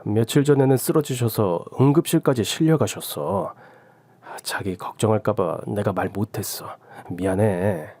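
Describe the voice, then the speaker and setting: A man's voice: lowish voice, expressive, moderate pace, a little mellow, no echo. A man voicing an evasive young husband who keeps placating his wife in a radio drama. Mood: wheedling. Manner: placating, wheedling.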